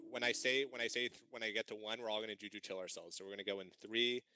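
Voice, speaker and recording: Fast-talking man leading a noisy game raid. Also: lowish voice, fairly even intonation. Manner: urgent, repeats short commands. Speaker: raid leader in an online game. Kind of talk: live voice-chat callouts to teammates. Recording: noisy gaming voice chat.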